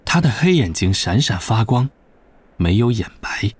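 A man reading a novel aloud as narrator, in a steady, even storytelling manner. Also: on the low side, unhurried, breathy edge. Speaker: audiobook narrator. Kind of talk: scripted narration.

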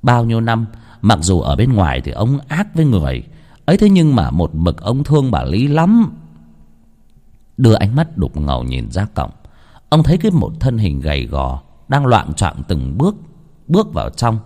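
A man's voice: lowish voice, huge pitch swings, moderate pace, warm tone. A man telling a ghost story in a dramatic, theatrical reading style. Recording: long hall reverb.

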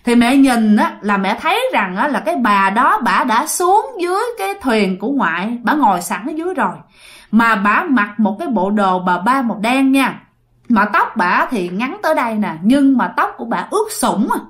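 A woman with a Southern Vietnamese accent telling a ghost story in an animated way, speaking straight to her listeners. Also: on the high side.

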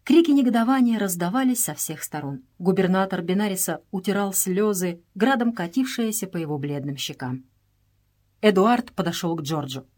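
A woman narrating a novel in a measured, expressive reading voice. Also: mid-range voice.

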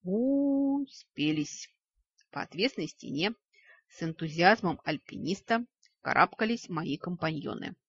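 A woman with a husky, breathy voice tells a fantasy tale in the first person, wry and ironic. It is a dull, lo-fi recording in a dry, close space. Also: low voice, expressive, moderate pace, fairly bright tone, no room sound. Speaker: audiobook narrator. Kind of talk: first-person storybook narration.

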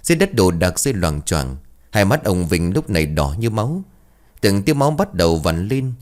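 A man with a very low voice reads out a ghost story. He keeps a steady, even pace and tone throughout the telling. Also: moderate pace.

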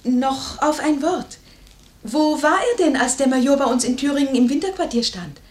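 An actress playing a pert, sharp-tongued young lady's maid in a 1950s German radio play. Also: high voice, normal speed, lightly acted. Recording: roomy, faintly noisy 1951 radio recording.

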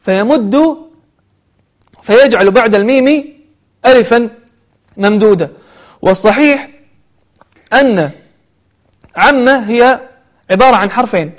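A man teaching Quran recitation, switching between slow chanted verses and quick spoken explanation. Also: very high-pitched. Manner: alternates slow melodic recitation with brisk explanation. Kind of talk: tajweed lesson with chanted examples.

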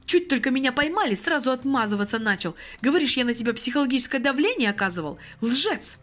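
A woman voicing a volatile young man yelling. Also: sits high, very animated, fast, faint music behind, voice pushed up. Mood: furious shouting. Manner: shouting, frantic, breaking down. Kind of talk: audiobook character reading.

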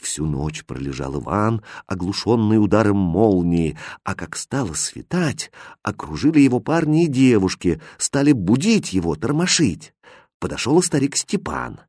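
A man reading a fairy tale aloud as narrator, in an expressive, lively storybook style. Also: on the low side, normal speed, slightly rough, no echo, studio quality.

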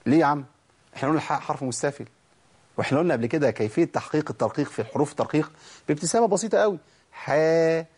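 Egyptian guy teaching quran recitation, talks fast, kinda high voice, repeats letter sounds for you. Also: expressive, darkish tone, slightly rough. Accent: Egyptian Arabic. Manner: drills letter sounds aloud, asks and answers his own questions. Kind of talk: tajweed lesson.

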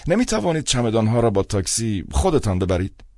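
A man's voice: lowish voice, very animated, darkish tone, no echo, studio quality, pitched above the performer's own voice. A man voicing a cold, stingy old male director of a charity, speaking in a petty, grudging way, in an audiobook.

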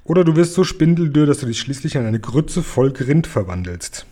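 A man reading a children's book aloud and voicing a huge, very old, kindhearted male giant who jumbles his words, louder than his narration. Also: sing-song, moderate pace. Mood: gruff. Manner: loud and booming, jumbled made-up words.

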